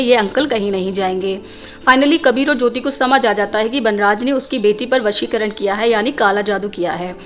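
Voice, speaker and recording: A woman's voice: on the high side, fairly bright tone, muffled recording. A woman narrating a scripted film recap, addressing viewers as guys.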